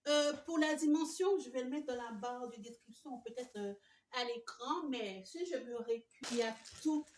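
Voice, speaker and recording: A woman, gushing excitedly through a casual home decor haul with many fillers. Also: on the high side, normal speed. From Canada. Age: 20s. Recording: echoey room, mic at a distance.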